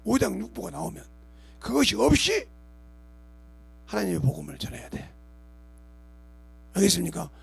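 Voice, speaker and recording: A man's voice: high voice, sing-song, moderate pace, vocal fry, long pauses, slightly rough. A man preaching a sermon as pastor of his church, emphatic, acting out imagined speakers and asking the congregation rhetorical questions. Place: church sanctuary.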